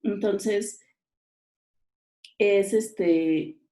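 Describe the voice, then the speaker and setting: Slow, patient woman teacher. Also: medium pitch, mellow. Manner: patient, explanatory, checks understanding often. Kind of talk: exam answer walkthrough. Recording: roomy echo.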